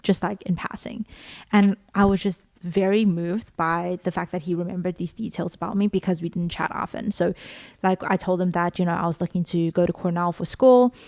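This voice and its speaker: A woman's voice: lowish voice, a little mellow, no room sound. A young woman from South Africa, co-hosting a podcast and telling a personal story in a chatty way, full of "like" and "um". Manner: chatty, many fillers like "like" and "um". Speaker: podcast co-host. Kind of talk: casual conversational storytelling.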